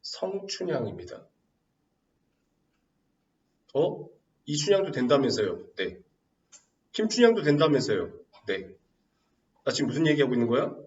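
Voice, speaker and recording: Man, teacher, lively lecture, rhetorical questions, dull lo-fi sound, echoey room. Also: mid-range voice, a little slow, long pauses, far from the mic. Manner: asks rhetorical questions and answers himself, teasing. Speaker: Korean literature teacher. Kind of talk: animated classroom lecture.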